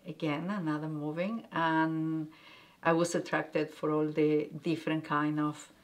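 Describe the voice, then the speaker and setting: A middle-aged woman from Argentina with an Argentinian accent, a native Spanish speaker, answering interview questions haltingly and searching for words with many fillers. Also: low voice, little pitch movement. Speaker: guest, guesthouse owner.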